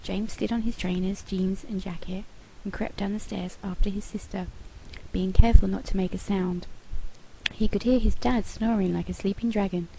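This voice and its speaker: A woman narrating a children's storybook aloud in a gentle, measured way. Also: mid-range voice, fairly even intonation, creaky, slight background noise, rough recording. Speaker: author reading her own book.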